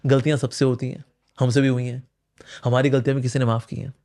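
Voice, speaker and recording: A man answering questions in an interview, animated and explanatory, often acting out the voices in people's heads. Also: mid-range voice, quick pace. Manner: animated, acts out inner voices, mixes English phrases. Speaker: spiritual speaker.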